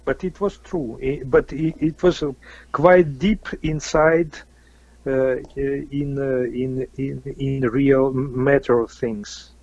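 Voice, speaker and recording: A man from Kazakhstan with a Russian accent, answering interview questions haltingly with many fillers and restarts. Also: mid-range voice, fairly even intonation, darkish tone, dry recording, highs cut off. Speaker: interview guest, musician.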